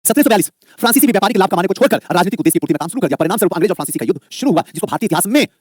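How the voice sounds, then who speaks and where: A man's voice: high voice, breathy edge, no echo, clean studio sound. A man teaching history, coaxing students and answering his own questions. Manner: fast, lively, repeats questions and answers them himself; coaxing, calls students "babu". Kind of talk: live online exam-prep lecture.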